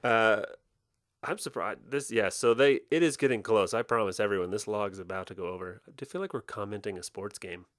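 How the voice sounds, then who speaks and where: A young adult man co-hosting a podcast, joking around in casual commentary over festival footage. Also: fairly low pitch. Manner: joking, animated, quick deadpan gags. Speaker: podcast co-host.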